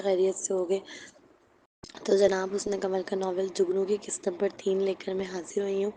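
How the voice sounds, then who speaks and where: Flat, mellow woman reading a novel. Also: mid-range voice, a little hiss or hum. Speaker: audiobook narrator. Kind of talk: reading a romance novel aloud.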